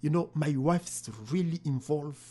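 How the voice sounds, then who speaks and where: A man's voice: on the high side, steady tone, unhurried, mellow. A man, a pastor, earnestly telling his story in an interview, often repeating phrases. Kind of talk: interview testimony.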